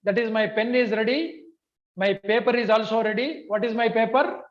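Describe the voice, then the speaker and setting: A high-voiced man in his teaches an interactive online lesson. He goes step by step, repeating points and putting questions to his listeners. The audio is dull and lo-fi. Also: fairly even intonation, normal speed. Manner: repetitive, questioning, checks for agreement. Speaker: computer typing instructor.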